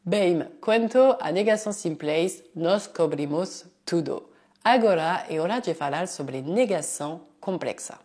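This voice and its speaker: A woman teaching a language lesson, explaining clearly step by step and slowing down to say example sentences. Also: lowish voice, lively intonation, darkish tone. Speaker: French teacher.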